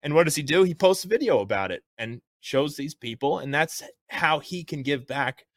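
A man's voice: a little high, animated, normal speed. A man hosting a comedic political news show, giving opinionated commentary in a punchy, jokey way. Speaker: show host.

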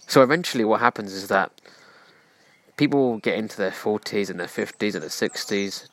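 Earnest low-voiced man. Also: normal speed, no room sound. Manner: earnest, preachy, direct address to listener. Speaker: podcast host. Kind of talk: self-help podcast monologue.

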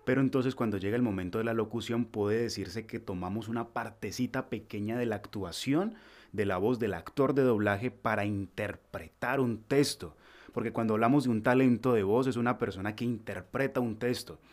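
A man's voice: fairly low pitch, moderate pace. A young man, a voice-over artist chatting as a podcast guest and acting out the voices of people in his stories. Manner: animated storyteller, acts out quoted voices. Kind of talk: casual podcast chat.

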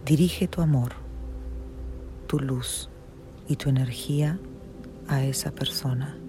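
A narrator leads a guided meditation in the soothing, hushed manner of a sleep story, leaving long pauses between phrases. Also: medium pitch. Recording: music behind the voice.

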